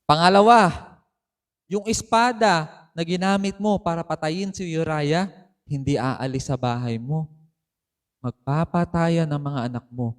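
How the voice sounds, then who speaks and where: A man's voice: on the high side, measured pace, pauses often. A man preaching a sermon as pastor, telling the story with bursts of emphasis. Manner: storytelling, mixing in English phrases, rising emphasis. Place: church.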